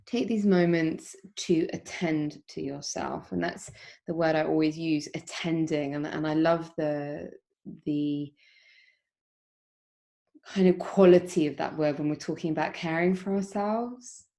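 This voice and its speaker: Gentle low-voiced woman teaching yoga. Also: fairly even intonation, gravelly. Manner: gentle, unhurried, with frequent soft pauses and ums. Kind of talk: guided meditation instruction.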